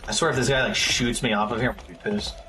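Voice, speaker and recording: A man's voice: mid-range voice, steady tone, racing, pushed and bright, echoey room, a little hiss or hum. Chatty man in his thirties streaming. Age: 30s. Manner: chatty, addresses his chat, loose and rambling. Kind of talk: casual live gameplay commentary.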